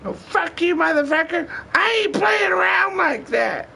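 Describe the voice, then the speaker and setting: A man's voice: extremely high pitch, very animated, measured pace, vocal fry, sharp tone, raised voice, a little hiss or hum, pitched above the performer's own voice, heavily acted. A man doing a shrieking drunk angry woman. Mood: furious shrieking. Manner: screeching, cursing wildly.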